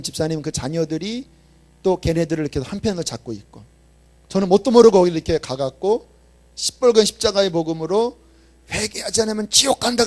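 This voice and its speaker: A man preaching a sermon as a pastor, telling stories with animated emphasis and swelling on his main points. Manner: animated storytelling, dropping low and quiet to act out quoted speech; emphatic, rising in pitch and volume on key points.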